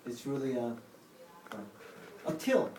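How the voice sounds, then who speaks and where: A man casually explaining words to the camera, speaking haltingly with restarts and non-native phrasing. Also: medium pitch, very animated, a little mellow. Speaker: vlog host explaining words. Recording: echoey room from a distance, faint noise.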